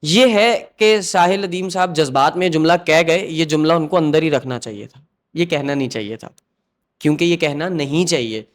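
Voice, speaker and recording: Male podcast host, somewhat high-pitched, earnest and emphatic in casual chat. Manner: earnest, emphatic, agreeing often.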